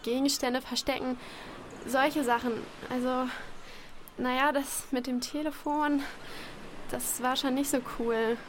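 A woman's voice: high voice, steady tone, a little slow, slight background noise. A woman playing a guilt-ridden young female contestant in an audio drama who stammers and apologizes.

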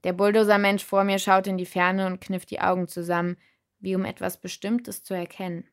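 A woman narrating a first-person story in a calm, reflective way. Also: mid-range voice, fairly quick, clear, resonant tone.

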